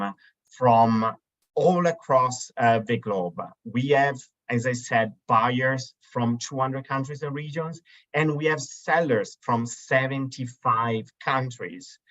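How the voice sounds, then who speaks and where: Taking it slowly, this Italian marketplace webinar host, in his thirties, walks through his slides with a mid-range, fairly bright voice. His delivery is hesitant and full of fillers and restarts, and the video call mic gives dull, lo-fi sound.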